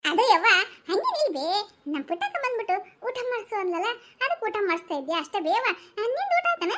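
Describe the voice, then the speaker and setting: A woman's voice: very high voice, sing-song, fast, background noise. A woman playing a tender, emotional elder sister who speaks. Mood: gentle.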